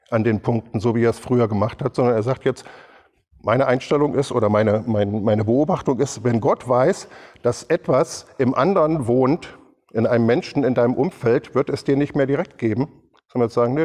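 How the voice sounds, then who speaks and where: A man's voice: medium pitch, darkish tone. Casting note: middle-aged man preaching, chatty and direct with his congregation, voice ringing through a long hall echo. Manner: conversational preaching with asides to the congregation. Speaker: pastor. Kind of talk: sermon. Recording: reverberant hall sound.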